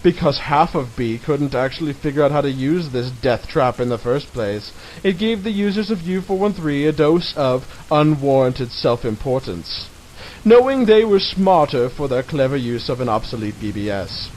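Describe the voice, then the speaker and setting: A man's voice: mid-range voice, lively intonation, normal speed, a little mellow. A man giving a mock-dramatic reading of a satirical article in a theatrical, mocking manner, as narrator. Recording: hissy, noisy home recording.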